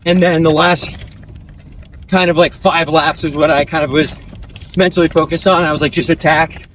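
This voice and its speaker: A man in his twenties chatting casually in breathy short phrases as he runs outdoors while being interviewed. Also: fairly high pitch, fairly even intonation, normal speed, fairly bright tone, a little hiss or hum. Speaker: professional distance runner being interviewed. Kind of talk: casual chat while running. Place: outdoors on a dirt country road, on the move.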